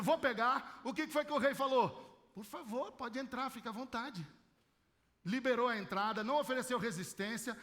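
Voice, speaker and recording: High, bright-voiced Brazilian pastor preaching. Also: male voice. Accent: Brazilian Portuguese. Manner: impassioned, acts out biblical voices. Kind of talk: sermon. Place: large church hall. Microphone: handheld microphone. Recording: long church hall reverb.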